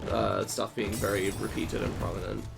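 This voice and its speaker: A man's voice: fairly low pitch, flat delivery, normal speed, creaky, music in the background. A young man chatting casually on a game stream, swearing offhandedly and laughing often. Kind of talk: casual gaming stream chat.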